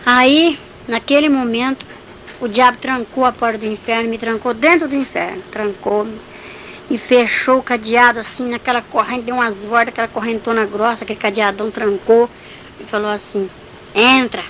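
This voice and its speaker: A woman's voice: on the high side, fairly even intonation, moderate pace, a bit bright, a little hiss or hum, low-quality recording. A woman giving a vivid, emotional religious testimony in a storytelling manner. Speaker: church testimony speaker.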